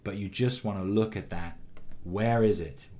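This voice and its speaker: A man teaching animation, giving a calm, encouraging critique of a student's shot with frequent ums and restarts. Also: lowish voice, moderate pace. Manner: calm, encouraging, many fillers. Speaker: animation instructor. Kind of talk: recorded critique of student work.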